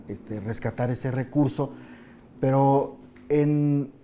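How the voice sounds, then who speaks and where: A man hosting a studio panel, animated and questioning, with frequent fillers. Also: mid-range voice, takes it slowly, slight background noise. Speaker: talk show host.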